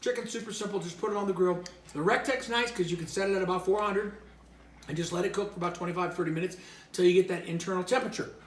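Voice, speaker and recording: A man's voice: high voice, fast, reverberant. A man co-hosting a cooking show, explaining the steps in upbeat, joking banter. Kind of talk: casual cooking demo banter.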